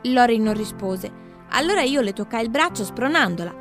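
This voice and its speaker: A woman narrating a children's story in a clear, expressive way. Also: on the high side, moderate pace, soft background music. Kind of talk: storybook reading.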